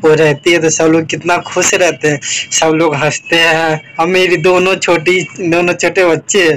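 A man's voice: a little high, level tone, normal speed, fairly bright tone, a little hiss or hum, low-quality recording. A young man chatting casually to his vlog camera in a wistful, reflective way. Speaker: vlogger.

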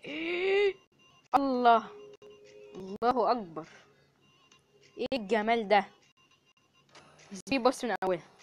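A woman with an Egyptian accent giving excited commentary over her gameplay, full of exclamations and quick prayers. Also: on the high side, faint music behind. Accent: Egyptian Arabic. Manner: excitable, frequent exclamations and prayers under pressure. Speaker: gamer.

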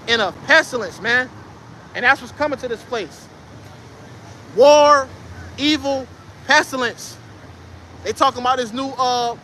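High, sharp-voiced confrontational street preacher man. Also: a little hiss or hum. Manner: confrontational, profane, emphatic; tags lines with "man" and "bro". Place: outdoors at a street camp.

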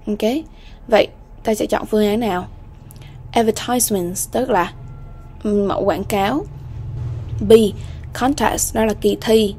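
Woman, English exam-prep teacher, warm mellow tone, repeats words slowly, checks in with students. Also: medium pitch, husky. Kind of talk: exam-prep lesson walkthrough.

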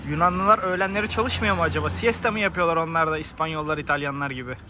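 High-pitched man hosting a casual travel vlog. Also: quick pace, background noise. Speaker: vlog host. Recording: loud music behind the voice. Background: music.

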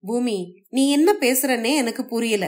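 A woman voicing a smooth-talking, scheming young husband in a read-aloud family story, in a coaxing, falsely gentle manner. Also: a little high, unhurried, voice pushed up, lightly acted.

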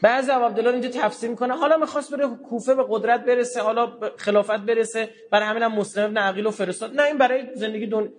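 A man giving a religious lecture in a colloquial way, telling stories and acting out the dialogue, with sudden low, quiet asides. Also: steady tone, few pauses. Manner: colloquial, acts out dialogue in quotes.

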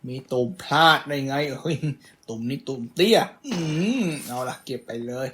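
A man's voice: medium pitch, expressive, normal speed, a bit bright, a little hiss or hum. Playful young man commentating a game. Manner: playful, teasing the enemies while playing. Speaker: gaming YouTuber. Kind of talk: casual let's-play commentary.

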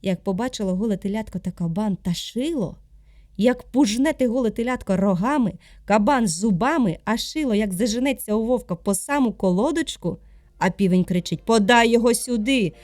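Expressive woman storyteller. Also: mid-range voice, a little fast, no echo, studio quality. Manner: expressive, sing-song telling. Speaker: actress reading a folk tale. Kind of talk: storybook narration.

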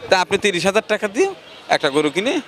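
A man's voice: high-pitched, sing-song, rapid-fire, fairly bright tone. A Bangladeshi man working as a field reporter in an outdoor market, questioning sellers and repeating their answers back for viewers. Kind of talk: on-location market interview for viewers. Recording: busy outdoor market crowd noise.

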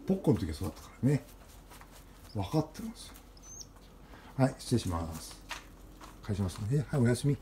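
A man talking casually to the camera about his pet pigeon, switching to rough, coaxing talk when he speaks to the bird. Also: lowish voice, dark tone, slight background noise. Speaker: pigeon keeper.

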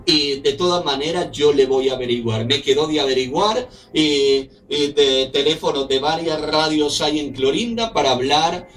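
Reading a letter aloud on his radio talk show, a middle-aged host from Colombia sounds earnest and indignant, addressing listeners as a fellow countryman. He talks at normal speed with few pauses in a slightly high, somewhat bright voice, sitting a little far from the mic in a small office studio with a desk.

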